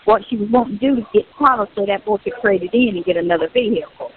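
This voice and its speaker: Racing along in a medium-pitched voice, an older woman with a Southern US accent vents during a personal, recorded prison phone call. She repeats phrases insistently for emphasis, and the tinny line carries a steady hiss.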